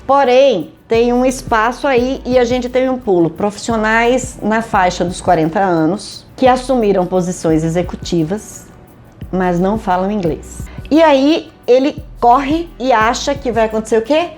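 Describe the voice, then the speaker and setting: This middle-aged woman, a career advisor and HR consultant from Manaus, speaks Brazilian Portuguese with the local accent, her voice a little mellow and on the high side. Facing the camera in her home studio, she addresses her viewers in a chatty, emphatic manner, firing off rhetorical questions.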